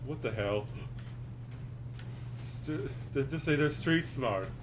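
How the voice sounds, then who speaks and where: A man's voice: medium pitch, animated, takes it slowly, noisy background. A man giving casual commentary and chatting while he plays a video game. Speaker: game streamer. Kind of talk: casual gaming commentary and chat.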